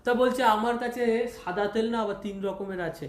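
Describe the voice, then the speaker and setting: A man's voice: sits high, roomy sound, very noisy, natural voice. A man as a fussy servant reciting options. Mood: deadpan. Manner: drawn-out, fussy listing, repetitive. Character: pedantic servant listing endless options.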